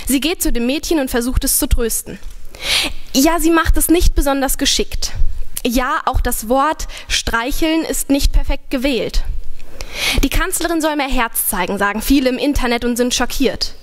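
At a poetry slam, a young woman with a high voice stands on a large, dark stage at a stand mic. She begins chatty and halting, then performs her spoken word text in an earnest yet ironic tone.

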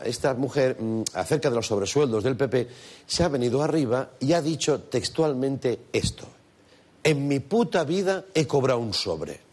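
A man's voice: medium pitch, husky. A man from doing a sarcastic comedic radio monologue. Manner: mocking, sarcastic. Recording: live audience laughter and noise.

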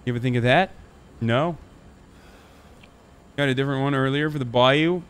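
A man's voice: mid-range voice, normal speed, fairly bright tone, clean tone. A man streaming himself playing a video game, bantering and teasing in a casual, exaggerated way. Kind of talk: casual gameplay commentary.

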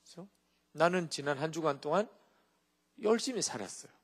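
Lively male pastor preaching. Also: fairly high pitch, brisk. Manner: animated storytelling with rhetorical check-ins to the congregation. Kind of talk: sermon.

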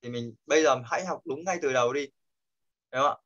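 This pronunciation teacher works online, correcting patiently and repeating himself often. He talks fast in a medium pitch with a fairly bright tone, heard through dull lo-fi video call audio.

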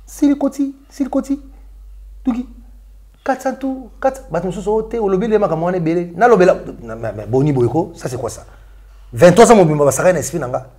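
Animated man, high-pitched. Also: brisk. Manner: animated, mixing French and Lingala. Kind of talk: casual chat.

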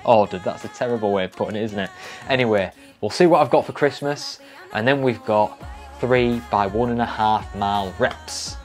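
A man's voice: fairly low pitch, moderate pace, faint music behind. A young British man casually reviewing gear to camera in a small room at home. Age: young adult. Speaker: trail running vlogger.

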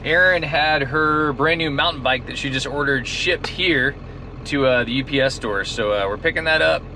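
A man casually narrating his road trip to viewers in a relaxed, chatty way, talking into a handheld camera. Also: mid-range voice, normal speed. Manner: laid-back, chatty, talks to viewers as "guys". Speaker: travel vlogger. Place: outdoors and in vehicles on a road trip. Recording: outdoor recording with traffic noise.

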